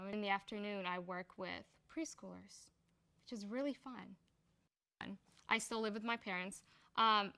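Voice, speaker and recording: A woman's voice: mid-range voice, pushed and bright, clean tone. A young woman from Somalia in a casual personal interview, talking in a chatty, unpolished way with lots of filler words. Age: young adult. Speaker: interviewee in a community profile.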